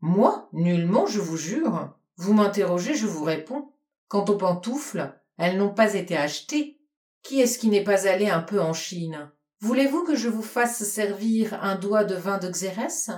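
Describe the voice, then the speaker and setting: A woman reading a storybook, voicing a suave, evasive man who answers with calm, light mockery, in a lower voice than her narration. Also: unhurried, reverberant, natural voice. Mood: nonchalant.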